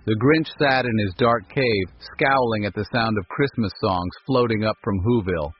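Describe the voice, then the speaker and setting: A man narrating a scripted storybook in a calm, measured manner, over a dull recording with faint music. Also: on the low side, a little hiss or hum.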